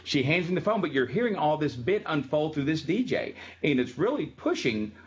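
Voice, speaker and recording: A man's voice: fairly high pitch, sing-song, normal speed, dull audio. A man giving a casual classroom lecture on music history, telling stories in a chatty way with frequent ums.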